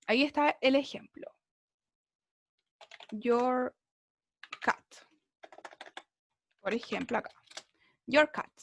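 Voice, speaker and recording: A woman's voice: high voice, drawn-out words, gravelly, long pauses, a bit bright. A woman English teacher explaining a lesson over a video call, patiently checking that her students follow. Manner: patient, keeps checking understanding with tag questions. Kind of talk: online class explanation.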